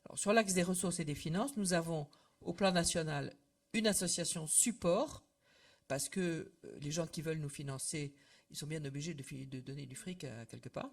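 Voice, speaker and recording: A woman's voice: low voice, moderate pace. An older woman addressing association members in a casual, conversational way, with many fillers and trailing phrase ends. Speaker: association representative. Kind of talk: informal talk to members. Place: meeting room with audience.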